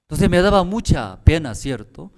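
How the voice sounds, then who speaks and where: Male pastor, sermon delivery, lively swooping intonation, repetitive and pleading. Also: on the high side. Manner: repetitive, pressing rhetorical questions to the congregation; halting, broken phrasing. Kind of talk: sermon at a prayer service.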